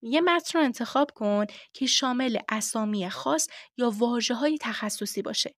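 A woman with a fairly high voice teaches voice technique in a clear, instructive podcast style, going point by point. The recording is dry and close, with no room sound. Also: dry recording. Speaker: voice-acting teacher. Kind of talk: podcast lesson.

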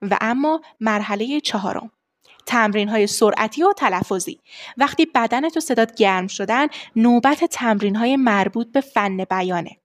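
A young adult woman voice coach giving a lesson on vocal warm-ups, explaining steps and demonstrating the exercises herself. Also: fairly high pitch. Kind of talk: voice training lesson.

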